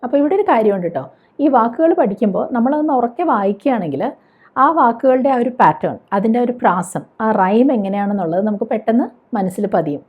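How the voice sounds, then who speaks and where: On a dull, lo-fi recording, a fast-talking woman with a medium, animated, slightly breathy voice teaches spoken English. She patiently explains, spells words letter by letter, and asks the viewer questions.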